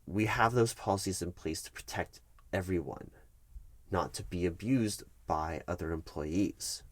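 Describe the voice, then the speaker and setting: This man's voice sits low as he acts out a firm HR manager in a one-sided ASMR roleplay. He explains matters officiously and deliberately, stressing words haltingly, with no room sound at all.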